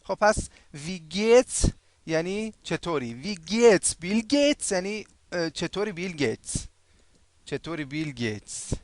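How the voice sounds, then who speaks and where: A man teaching a language lesson in a casual, chatty way, with many fillers, saying example words slowly and loudly for learners to repeat. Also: high voice, expressive, no room sound.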